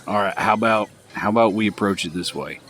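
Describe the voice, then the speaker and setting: A man's voice: lowish voice, fairly quick, fairly bright tone, soft background music. A man chatting casually and in character as a player in a tabletop game. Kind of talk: casual roleplay chat.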